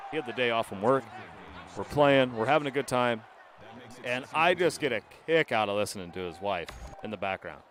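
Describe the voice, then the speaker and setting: A man's voice: mid-range voice, expressive, fairly quick, fairly bright tone. An American man streaming a video game, chatting casually and telling rambling stories with some swearing. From United States. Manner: rambling storyteller, swears, laughs. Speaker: gaming streamer. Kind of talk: casual chat while playing.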